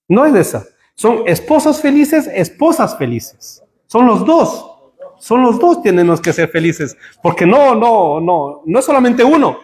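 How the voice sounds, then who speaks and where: A man preaching a sermon to his congregation, joking with them and building to emphatic high peaks. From Spain. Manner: humorous, rising to emphatic peaks. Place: church hall. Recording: echoey church hall.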